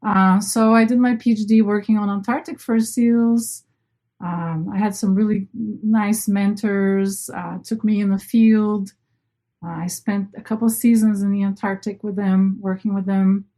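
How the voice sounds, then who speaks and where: This is a middle-aged Brazilian woman, a native Portuguese speaker and marine biologist, appearing as an interview guest. Her mellow, mid-range voice keeps a fairly even intonation and measured pace as she tells personal stories casually, often rephrasing herself.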